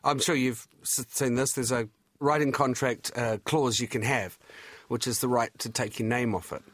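A man's voice: medium pitch, fairly even intonation, normal speed, fairly bright tone, no echo. A man hosting and narrating a podcast in a wry, scripted style. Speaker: host and narrator.

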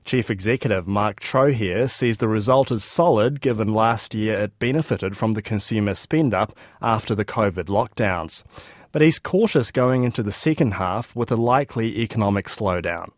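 A man's voice: fairly low pitch, moderate pace, dry recording. New Zealand newsreader, dry studio sound, male. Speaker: business news presenter. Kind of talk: scripted news reading with interview links.

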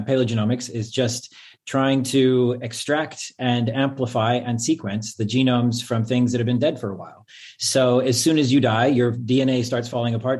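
A man's voice: medium pitch, a little mellow. A man speaking as an academic guest, explaining informally in a matter-of-fact, casual way. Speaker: professor, expert panel guest.

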